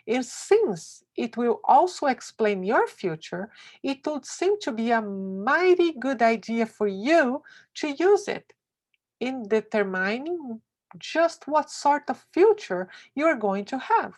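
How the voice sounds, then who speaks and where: With wide swings of pitch, a woman slowly and emphatically reads out a motivational essay on success, keeping her delivery expressive.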